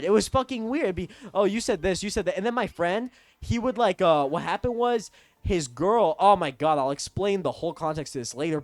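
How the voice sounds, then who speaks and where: A man's voice: high-pitched, dry recording. A young man from Texas telling a rambling, profane storytime rant. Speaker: vlogger.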